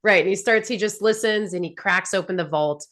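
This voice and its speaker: A woman hosting a casual show recap, talking in an animated, chatty way full of fillers and laughs. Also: medium pitch, fairly quick. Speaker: podcast host.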